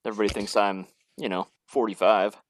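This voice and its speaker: A man's voice: lowish voice, level tone, brisk, no echo. A man in his thirties on a video call, telling stories in a casual chat and laughing easily. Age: 30s.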